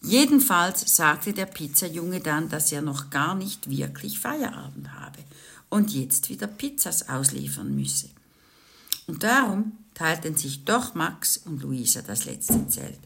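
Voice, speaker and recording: Woman storyteller, low, creaky voice, slow and animated read-aloud for kids. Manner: lively, with chatty asides to young listeners. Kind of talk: reading a children's book aloud.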